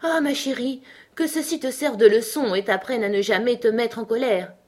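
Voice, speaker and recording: A woman's voice: a little high, normal speed, a little mellow, voice pushed up, close to an everyday voice. A woman reading the part of an old mother crab lecturing her daughter in a storybook. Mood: preachy. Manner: moralizing.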